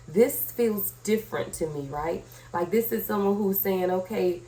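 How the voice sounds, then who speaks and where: A woman with a lowish, warm voice hosts a chatty tarot reading on her channel. She's sick with a cold, so her voice sounds a bit scratchy, and she talks straight to viewers, checking in with short tag questions.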